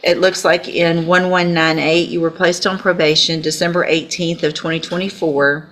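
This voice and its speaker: A woman judge with an American accent and a low-pitched voice presides in a courtroom. She speaks in a formal, procedural way, explaining each step. The recording is clearly noisy, with clicks. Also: level tone, moderate pace, fairly bright tone.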